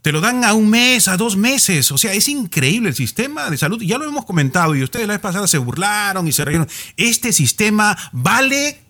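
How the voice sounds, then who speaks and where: A man's voice: high voice, very animated, normal speed, few pauses, bright, forceful tone. A man from Peru co-hosting a casual chat show, giving his opinions earnestly. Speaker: co-host.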